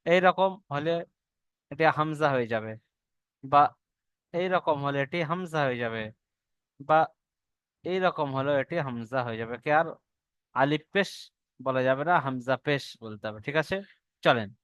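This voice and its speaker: Bengali guy teaching quran reading, clear voice, dry sound, makes everyone repeat after him. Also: a little high, lively intonation, unhurried, pauses often, fairly bright tone, no room sound, muffled recording. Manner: patient, drills with call-and-repeat. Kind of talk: online Quran reading class.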